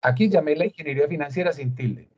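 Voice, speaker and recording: A man's voice: fairly high pitch, quick pace. A man with a Colombian Spanish accent gives a screen-share tutorial, explaining step by step and asking rhetorical questions. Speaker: instructor. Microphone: video call. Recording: dull lo-fi video call audio.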